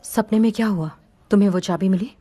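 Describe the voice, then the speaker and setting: A woman's voice: medium pitch, quick pace, dark tone, lightly acted. A woman dubbing a young female exorcist in a Hindi film, direct and urgent.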